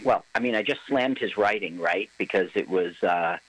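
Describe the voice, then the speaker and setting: A man's voice: fairly low pitch, normal speed, fairly bright tone, slightly rough, no echo, poor audio. A man co-hosting a casual film commentary, talking in an opinionated, analytical way.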